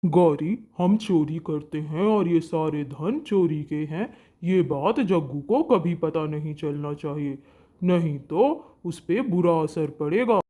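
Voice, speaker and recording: A woman's voice: low-pitched, animated, slow pace, warm tone, exaggerated voice. A woman doing a sly thief father crow. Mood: secretive. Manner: sly, secretive. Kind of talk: cartoon voice acting.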